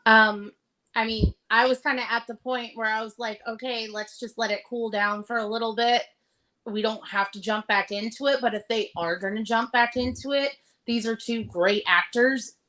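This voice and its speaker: A woman co-hosting a casual podcast chat, relaxed and speaking with lots of "like". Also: on the high side, normal speed. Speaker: podcast co-host.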